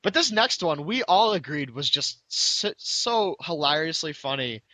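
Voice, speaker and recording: A man's voice: a little high, big pitch swings, unhurried, pushed and bright, no room sound. A man hosting a casual gaming podcast, chatting loosely with upbeat restarts. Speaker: podcast host. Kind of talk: casual chat.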